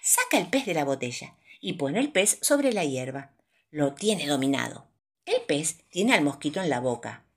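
A woman reading a children's storybook aloud in a playful, animated way. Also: low voice, moderate pace, husky. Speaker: storybook narrator.

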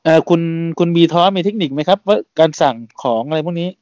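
A man hosting a casual podcast, talking in a relaxed, chatty way and laughing often. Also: on the high side, fast, dry recording. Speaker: podcast host.

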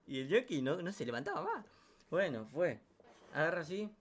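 A man with an Argentine Rioplatense accent telling a comic anecdote in a slangy, animated way, full of sound effects and asides. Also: fairly high pitch, moderate pace. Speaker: storyteller.

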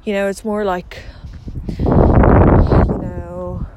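A woman's voice: on the low side, level tone, drawn-out words, lo-fi sound. A woman with a slight lisp from wearing a retainer, speaking candidly and hesitantly in a casual confessional podcast monologue recorded outdoors on a walk. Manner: hesitant, candid, with mild swearing. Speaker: podcast host. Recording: noisy outdoor walking recording.

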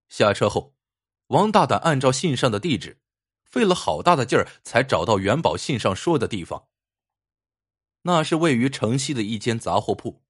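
A male storyteller reads a folk ghost tale with expressive, dramatic pacing. His voice is husky and his pitch swings in a lively way. Mid pitch overall.

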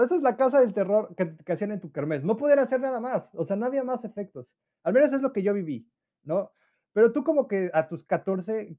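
In a muffled recording, a nineteen-year-old host with a Mexican Spanish accent runs a casual solo podcast, slangy and chatty, often laughing and mimicking friends' voices. His voice sits high but carries a dark tone.

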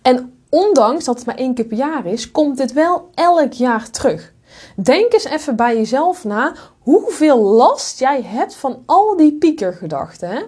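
A woman's voice: sits high, sing-song, unhurried, darkish tone, husky. A woman hosting a podcast, giving frank, blunt motivational advice and slipping in swear words and English asides. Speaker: podcast host and coach. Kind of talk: direct motivational monologue.

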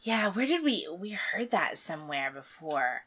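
Brief: woman podcast co-host with a bright, forward voice, sitting a bit low, easy giggles. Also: big pitch swings, measured pace, husky. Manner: agreeable, giggly, frequent "yeah" backchannel. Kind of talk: casual chat.

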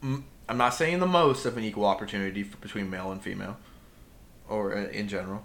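A man with a bright, forceful voice rambles through a casual podcast chat, swearing freely. He riffs and circles back on his points, loose and animated. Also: lowish voice, fast.

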